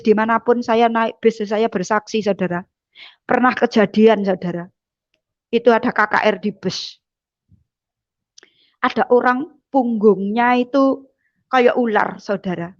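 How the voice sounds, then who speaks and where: A fervent woman preacher tells her testimony in a fairly high voice. She often dips softly to address the congregation. The sound is dry and slightly dull. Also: no room sound. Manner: fervent, drops voice on repeated "saudara". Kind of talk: testimony sermon.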